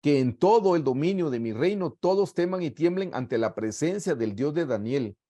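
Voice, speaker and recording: A middle-aged man with a Guatemalan accent leads a Bible study as a sermon over a video call. His voice is warm and mellow. He reads scripture passages and then explains them earnestly to the congregation. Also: a little high, lively intonation, moderate pace. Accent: Guatemalan Spanish. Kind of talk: sermon-style Bible teaching.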